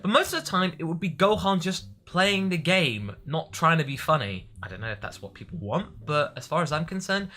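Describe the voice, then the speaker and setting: Very animated and a little fast, a vlogger and anime parody voice actor fields viewer questions with hardly any pauses. His fairly high voice sounds pushed and bright, and he leans on and drags out words for emphasis.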